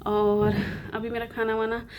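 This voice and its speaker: A young woman vlogger talks in a casual, chatty way and repeats her phrases. Her voice sits a little high but stays flat and even in pitch. The tone is soft and mellow, not bright. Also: measured pace, slight background noise. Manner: chatty, repeats herself, light laughter. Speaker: family vlogger. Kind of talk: casual vlog narration.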